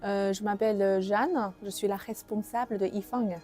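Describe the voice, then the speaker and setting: A woman's voice: medium pitch, fairly even intonation, moderate pace, darkish tone, faint music behind. Woman, hesitant. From China. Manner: simple, slightly broken French with hesitations. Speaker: tea shop manager. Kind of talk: casual interview answers.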